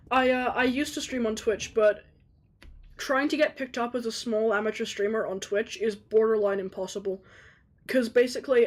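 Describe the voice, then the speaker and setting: A woman streaming a game, chatting casually and informally with viewers and adding self-aware asides as she goes. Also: fairly high pitch. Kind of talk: casual gameplay commentary and chat with viewers.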